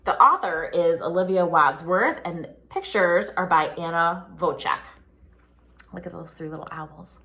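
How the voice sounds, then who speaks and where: With a lowish voice captured on a muffled recording, a woman reads a picture book to young children. She is expressive and singsong, stopping to ask questions the way a pre-K teacher would.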